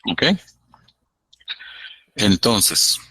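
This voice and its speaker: A man lecturing law students, explaining slowly and acting out courtroom exchanges. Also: sharp tone. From Guatemala. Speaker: law professor. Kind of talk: university lecture.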